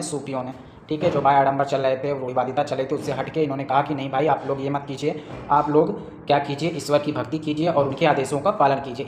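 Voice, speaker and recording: Higher-pitched man teaching in an echoey room. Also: a little hiss or hum. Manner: asks questions then answers them himself; repeats points with frequent "theek hai" checks. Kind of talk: classroom-style history lecture.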